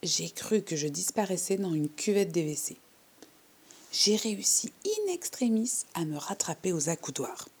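A woman voicing a shy, overly polite little girl who tells her own story in a hushed, timid way. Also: on the low side, big pitch swings, moderate pace, breathy edge, exaggerated voice. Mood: earnest. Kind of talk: storybook reading.

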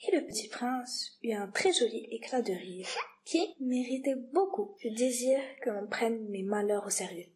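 A woman reading storybook narration aloud in a soft, measured way. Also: on the high side, expressive, a little hiss or hum. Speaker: reader.

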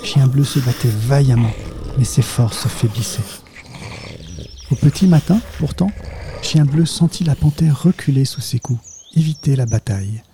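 A man narrating a children's storybook aloud in a measured, expressive way. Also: mid-range voice, background noise. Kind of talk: storybook reading.

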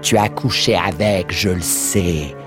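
A man reading aloud, voicing a furious, betrayed woman who hurls shrill accusations at her lover. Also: over music. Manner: shrill accusing outbursts, fast and raised.

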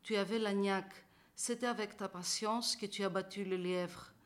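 A woman's voice: medium pitch, steady tone, normal speed, close to an everyday voice. A woman reading the part of an owl praising the winner in a storybook fable. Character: impressed wise owl judge.

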